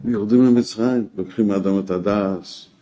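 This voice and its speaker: A man teaching a weekly Torah class, emphatic, rising to exclamations and dropping low again. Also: steady tone, dark tone, dull audio, a little hiss or hum. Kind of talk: spoken Torah lesson.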